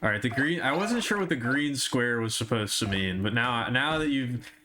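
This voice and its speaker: A man's voice: mid-range voice, animated, moderate pace. A young man chatting casually on a live stream as he plays, rambling through absurd jokes and tangents. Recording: noisy stream audio with clicks.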